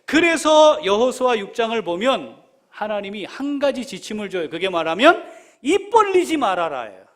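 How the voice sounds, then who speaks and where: Brief: male pastor, high tenor that swings widely, preaching with questions and hushed prayers. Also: expressive, moderate pace. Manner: rhetorical questions to the congregation, drops to a whisper in prayer; addresses members by name. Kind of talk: sermon.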